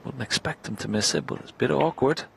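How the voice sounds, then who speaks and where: A man giving live snooker commentary in a hushed, understated way. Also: mid-range voice, animated, fast, creaky. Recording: crowd ambience and background noise.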